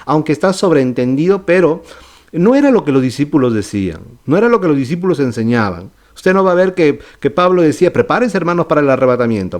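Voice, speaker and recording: A man's voice: a little high, darkish tone. A male pastor giving a Bible study sermon, explaining step by step, often checking in with his listeners and correcting himself mid-phrase. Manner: explanatory, with frequent "¿ok?" and "¿verdad?" check-ins.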